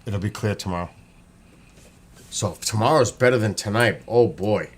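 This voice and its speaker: Low-voiced New York man livestreaming. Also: moderate pace. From New York state, United States. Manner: rambling, chatty, breaks off to read names and comments. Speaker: livestream host. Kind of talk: casual livestream chat, greeting commenters. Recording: clear background noise, room ambience.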